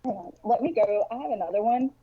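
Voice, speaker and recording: A woman's voice comes through a narrow, phone-like headset, muffled as if she were speaking from inside a cardboard box. It is dry with no room sound, and a little husky. She chats casually as a player in a tabletop game. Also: a little high, animated, fast talker, dry recording. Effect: muffled, as if talking inside a cardboard box. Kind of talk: casual chat.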